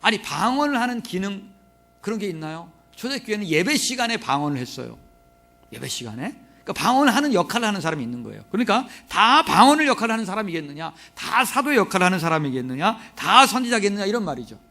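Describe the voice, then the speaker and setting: A man's voice: high voice, sing-song, fast talker, vocal fry, bright, forceful tone. A man preaching a sermon as pastor, joking and asking the congregation questions, sometimes slipping into regional dialect. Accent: Korean dialects mixed, Jeolla touches. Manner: humorous, asks the congregation questions and has them repeat. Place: church sanctuary.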